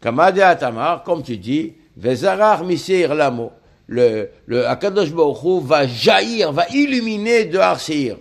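A man teaching a religious text lesson, talking haltingly, repeating words as he explains each term. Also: a little high, lively intonation.

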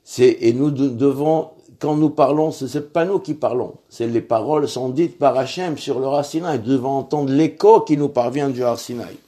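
Man, religious lesson, halting delivery, repeated words, spells out Hebrew letters. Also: mid-range voice, warm tone.

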